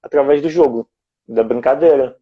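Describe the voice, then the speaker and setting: A man's voice: mid-range voice, moderate pace, phone-quality sound. A man from Brazil in casual conversation as a guest, explaining things step by step in a reflective way.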